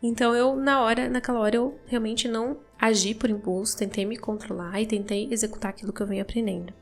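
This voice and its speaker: A woman's voice: a little high, fairly even intonation, fast talker, soft background music. A young Brazilian woman chatting casually as a podcast host and mother, telling a story with lots of tag questions and acted-out dialogue. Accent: Brazilian Portuguese.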